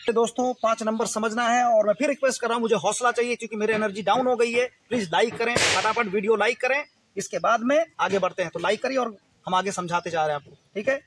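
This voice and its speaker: A man teaching a spoken English lesson in an energetic, repetitive, coaxing way. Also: high-pitched, fast talker, noisy background.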